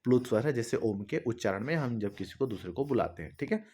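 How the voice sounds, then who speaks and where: A man's voice: mid-range voice, lively intonation, fast talker, dark tone, husky. A man teaching an exam-prep grammar lesson, asking questions and answering them himself, checking in often with his students. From Chhattisgarh. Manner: explanatory, repetitive, asks and answers own questions; addresses students directly with fillers like "है ना".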